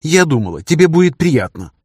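A man's voice: fairly high pitch, very animated, a little fast, a little mellow, husky, dry recording, studio quality, pitched above the performer's own voice. A man voicing a playful, capricious young woman who teases and sulks. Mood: hurt. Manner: teasing, capricious.

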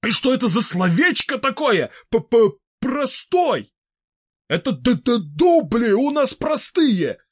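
A man's voice: extremely high pitch, slow, breathy edge, no echo, clean studio sound, full character voice. A man doing a badly stuttering flustered wizard. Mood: indignant. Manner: heavy stutter, excitable. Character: flustered stuttering older male wizard scientist.

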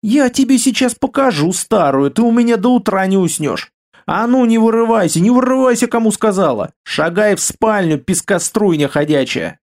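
A male reader voices a sharp-tongued older woman, a retired sniper, in a raised, scolding tone. Her lines sit well above the reader's own pitch and snap with irritation. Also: very animated, moderate pace, few pauses, full character voice. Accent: foreign accent when irritated. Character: fiery older woman, former sniper, wife.

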